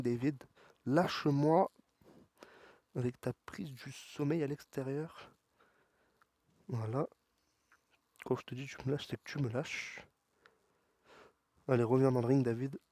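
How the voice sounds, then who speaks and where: Excitable gamer man, dry close mic. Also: mid-range voice, no echo. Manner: excitable, talks back to the game characters. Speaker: gaming YouTuber. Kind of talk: let's play commentary.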